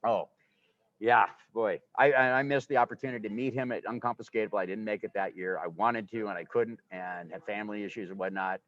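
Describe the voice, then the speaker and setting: A man in his sixties, appearing as a guest, chats casually and enthusiastically, rambling from one point to the next. His voice is lowish and a little fast, heard through dull, muffled livestream audio.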